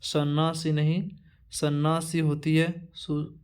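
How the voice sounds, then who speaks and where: Man drilling a word list, flat and higher. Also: smooth. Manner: repetitive drilling, halting restarts. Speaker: teacher. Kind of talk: exam-prep lesson reading a word list.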